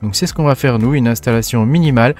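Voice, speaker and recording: A man's voice: medium pitch, fast talker, a little mellow, faint music behind. A man from France hosting a casual tech tutorial, talking informally to the viewer with many fillers and tags like "hein". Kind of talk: casual screen-recorded tutorial.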